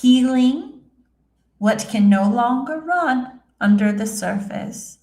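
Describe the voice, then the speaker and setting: Woman channeling a very slow, solemn spirit, seance-medium style. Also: on the high side, expressive, a little mellow. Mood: serene, solemn. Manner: halting, solemn, measured, with hums and long pauses. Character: serene female spirit guide speaking through a seance medium. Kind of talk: trance channeling, addressing listeners as a spirit. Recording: roomy, echoing sound.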